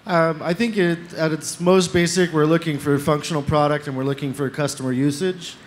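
A man speaking as an early-stage investor on a panel, measured, with frequent fillers. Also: on the high side, steady tone. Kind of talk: panel discussion. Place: stage in a large tent with an audience. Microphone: handheld mic.

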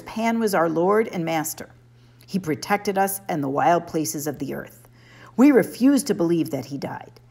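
A woman's voice: on the low side, creaky, a little mellow, heavily acted. A woman voicing an earnest, plaintive young male satyr in an audiobook.

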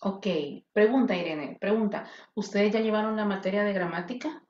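A woman's voice: medium pitch, moderate pace, darkish tone. A talkative woman teacher leads an online class. Her voice comes through a roomy, muffled connection with faint noise behind it. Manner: chatty, switches between English and Spanish. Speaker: English teacher. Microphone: video call. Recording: echoey, dull audio with faint noise.

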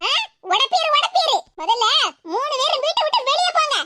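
A performer voicing a feisty, sharp-tongued older wife in a cartoon, with a squeaky, scolding manner and a southern Tamil Nadu accent. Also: lively intonation, brisk. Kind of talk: cartoon voice acting. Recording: loud background noise.

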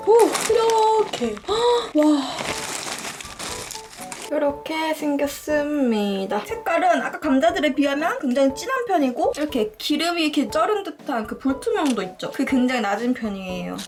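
Girl doing a chip mukbang vlog, super lively high voice, crunching between comments, music in the back. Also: moderate pace. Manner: playful, expressive reactions with exclamations. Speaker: vlog host. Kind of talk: casual food-tasting mukbang vlog chat.

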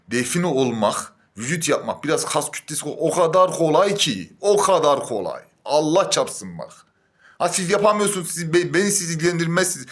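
A young man venting in an angry monologue, heated, swinging between low muttering and a raised voice, full of oaths. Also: a bit bright. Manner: swears oaths often. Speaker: gym-goer venting on camera.

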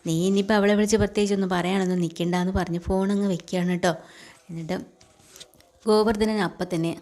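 A woman's voice: medium pitch, steady tone, quick pace, a little mellow. A woman retelling a TV serial episode in a conversational way, briefly voicing the characters' lines as she goes. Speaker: storyteller.

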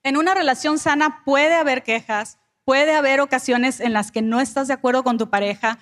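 A woman with a high voice speaks at a church conference for couples. She explains her points calmly and in measured, listed phrases.

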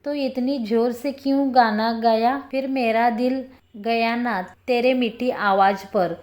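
A woman voicing a bold, quick-witted young man who teases and then scolds, in a storybook reading. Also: fairly high pitch, fairly even intonation, a little mellow. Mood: mocking. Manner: playful mocking then scolding.

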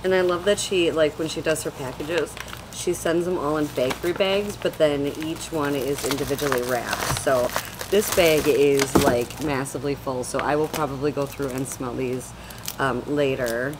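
Woman in her twenties, low voice, rambly haul chat into a webcam with background hiss. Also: moderate pace. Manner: chatty, rambling, many fillers. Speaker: vlogger. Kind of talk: casual product haul chat. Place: small room at home, indoors. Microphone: webcam at desk.

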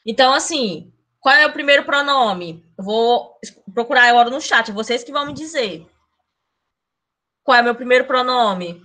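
A woman teaching Spanish in an online class, with a bright, clear voice set somewhat high. She calls herself "a tia" and explains in a chatty, teacherly way. She speaks into a computer mic on a video call. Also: normal speed. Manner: speeds up when excited about grammar.

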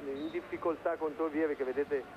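A man's voice: a little high, fairly even intonation, fairly quick. A man analysing play as a football co-commentator, hesitating and repeating phrases. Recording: dull lo-fi broadcast, faint stadium noise. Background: stadium crowd noise.

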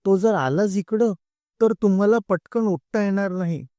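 A man voicing a flustered, sharp-tongued mother shouting orders in a comic story. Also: sits high, moderate pace, no room sound, pitched above the performer's own voice, lightly acted.

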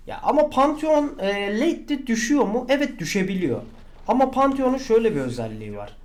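A man giving live gameplay commentary, excitable, swearing and shouting at teammates. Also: high-pitched. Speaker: gaming channel host.

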